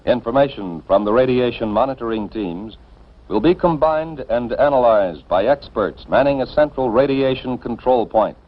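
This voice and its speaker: An American man narrates a scripted 1950s civil defense educational film, authoritative and deliberate, speaking to the listener directly and emphatically. His voice is medium-pitched and animated. The sound is a dull, band-limited vintage film soundtrack.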